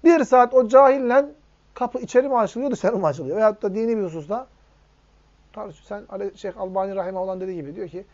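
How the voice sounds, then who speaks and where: A man's voice: high-pitched, fast talker, darkish tone. A man giving a religious hadith lesson, putting rhetorical questions to his listeners. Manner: asks the audience rhetorical questions. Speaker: religious teacher. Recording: dull lo-fi recording.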